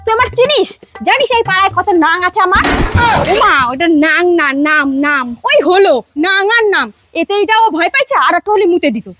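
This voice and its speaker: Brash comedy-skit bully played by a woman, very high loud voice, heavy music behind. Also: lively intonation, fairly quick. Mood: brash, threatening. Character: brash woman loudly confronting and threatening a young man.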